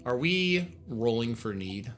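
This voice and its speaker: A man's voice: mid-range voice, sing-song, slow, fairly bright tone, soft background music. A man doing casual, jokey gaming commentary as a let's play host, full of slang.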